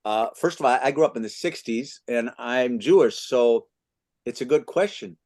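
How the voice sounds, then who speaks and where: A man's voice: medium pitch, normal speed, a little mellow. A man in his fifties from the United States, hosting a book club and answering questions thoughtfully, with frequent restarts. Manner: reads excerpts aloud. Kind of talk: literary discussion, answering questions.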